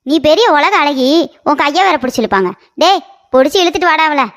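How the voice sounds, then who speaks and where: A woman's voice: sits high, expressive, a little fast, fairly bright tone. A woman voicing a quarrelsome, scolding middle-aged mother in a comic cartoon. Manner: scolding, taunting.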